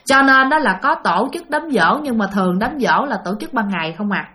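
A woman's voice: mid-range voice, lively intonation, a little fast, sharp tone. A woman with a Southern Vietnamese accent telling a ghost story in a chatty way, often addressing her listeners directly. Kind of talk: spoken ghost-story narration.

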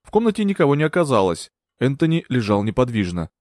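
Male narrator, expressive storytelling, lively pitch, dry close mic. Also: quick pace, dry recording. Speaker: audiobook narrator. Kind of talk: scripted narration.

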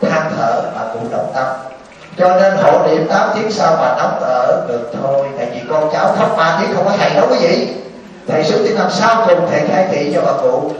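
Monk, sermon, high voice, distant mic in a booming hall. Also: male voice, lo-fi sound, a little hiss or hum. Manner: storytelling, asks the audience questions. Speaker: Buddhist monk preaching. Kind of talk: sermon to a live assembly.

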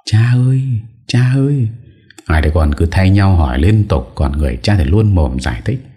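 A man reading a story aloud as an audiobook narrator, with calm, even storytelling. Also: very deep voice, a little fast.

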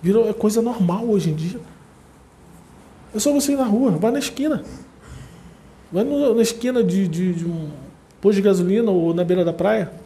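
A man's voice: sits high, normal speed, pauses often. A man with a Brazilian accent giving a chatty, casual talk to an audience, repeating words for emphasis. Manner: chatty, repetitive, animated asides.

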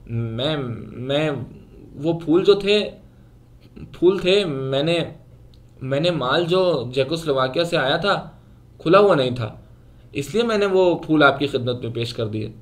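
A man's voice: on the high side, natural voice. A man reading a story aloud, voicing a nervous, lovesick shopkeeper who stammers and halts. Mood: flustered. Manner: stammering, halting.

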